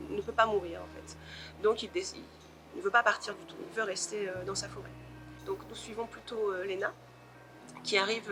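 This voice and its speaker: In a mid-range voice, a female novelist reflects on interview questions, often pausing while she reaches for her words.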